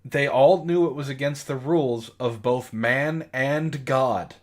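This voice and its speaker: Reading terrible fan fiction aloud for a comedic book club, this host stops now and then to comment, swearing in amused exasperation. He speaks in a mid-range voice at an unhurried pace.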